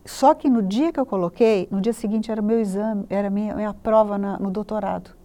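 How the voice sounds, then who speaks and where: A woman in her sixties with a Brazilian Portuguese accent, a therapist telling a personal story as a guest, animated and acting out her own past thoughts. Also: a little fast. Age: 60s. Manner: animated, acts out her own past thoughts, voice climbs high when recalling panic.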